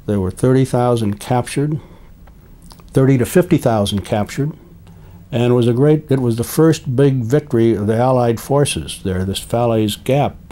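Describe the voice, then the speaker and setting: An elderly man, a war veteran recalling his experiences in an interview, speaking haltingly and deliberately with long hesitations. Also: mid-range voice, warm tone. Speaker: WWII veteran being interviewed.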